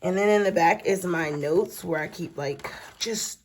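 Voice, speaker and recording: A woman's voice: fairly low pitch, a little slow, slight background noise. Drowsy, chatty woman vlogger. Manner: chatty, folksy, addresses viewers as y'all and child. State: sleepy, yawning. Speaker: planner vlogger. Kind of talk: casual late-night planner walkthrough. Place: at home.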